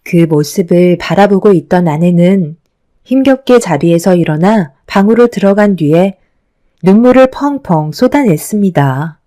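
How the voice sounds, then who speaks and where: Woman narrator, scripted radio story, calm and even, low pitch, warm tone. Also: moderate pace.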